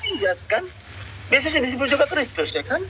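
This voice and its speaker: Male debate guest with a bright, sharp voice, halting and restarting under pressure. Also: very high voice, big pitch swings, slight background noise. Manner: hesitant, halting, often cut off. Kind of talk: heated online debate.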